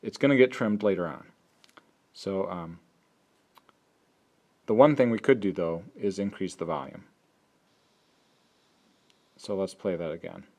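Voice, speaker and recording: A man's voice: sits low, a little slow, pauses often, a little mellow. A man explaining an app step by step in a tutorial, thinking aloud as he works. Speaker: teacher. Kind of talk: screen-recorded app tutorial.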